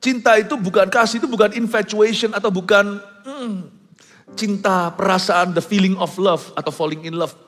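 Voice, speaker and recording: A man's voice: high-pitched, moderate pace, a bit bright. A man preaching a sermon as pastor, mixing English phrases into his talk and dropping joking asides. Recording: large hall with long reverb, faint music.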